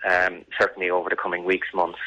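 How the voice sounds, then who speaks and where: A man's voice: sits low, completely flat delivery, quick pace, pushed and bright, lo-fi sound. A man giving serious, earnest answers as an interview guest, emphatic and often repeating words. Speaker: radio interview guest, victim's family campaigner.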